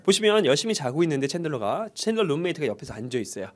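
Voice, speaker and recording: A male English conversation teacher leads a high-energy lecture at a fast clip. His voice sits slightly high and swings widely in pitch. He keeps cueing the class to jump in and repeat after him. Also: sing-song.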